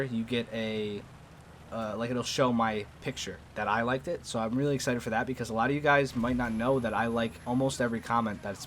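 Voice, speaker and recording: A man's voice: medium pitch, a little hiss or hum. Young male gaming host, New York accent, chatty and rambling, mid-range voice, casual gameplay talk. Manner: rambling, chatty, addresses viewers directly. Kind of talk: casual commentary over gameplay.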